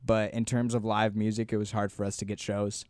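A young man from Colombia, a guest musician, telling stories in a relaxed way with lots of "like" fillers in a casual interview. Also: on the low side, a little fast, clean tone, no room sound. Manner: relaxed storytelling with many "like" fillers.

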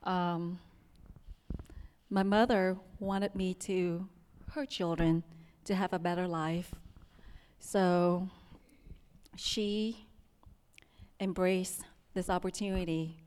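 A young woman from Vietnam with a Vietnamese accent, softly telling her personal story to an audience, with many pauses and restarts. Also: lowish voice, fairly even intonation, smooth, in a large hall. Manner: soft-spoken, with frequent ums and restarts.

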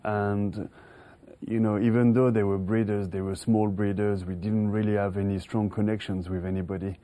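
A man's voice: lowish voice, little pitch movement, normal speed, mellow. A middle-aged man from France, a horse trainer, answering interview questions with many restarts and chuckles; French is his first language. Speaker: racehorse trainer.

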